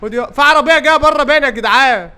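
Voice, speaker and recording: A man with an Egyptian accent giving excited, teasing commentary while playing a game with friends. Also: very high voice, racing, slight background noise. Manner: teasing, excitable, taunts opponents. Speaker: gaming streamer. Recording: gameplay audio with gunfire behind.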